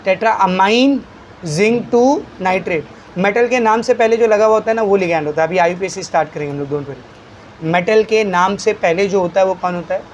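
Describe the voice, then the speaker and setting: A male teacher runs a chemistry lesson in a fairly high voice. He fires questions at his students, calls them "beta" and answers the questions himself. A faint hiss of noise sits under the recording. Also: moderate pace. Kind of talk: classroom lecture.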